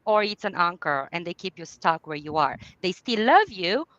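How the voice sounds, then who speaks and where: Romanian-accented woman coach, bright voice. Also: lowish voice, sing-song, normal speed, no echo, highs cut off. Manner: warm, laughs often, non-native phrasing. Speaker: guest, business clarity coach. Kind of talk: podcast interview.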